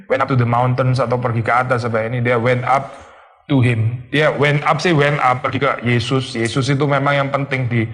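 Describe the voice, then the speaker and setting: In a conversational sermon, a male pastor with a mid-range voice teaches through rhetorical questions. He slips in English phrases and acts out voices of people complaining.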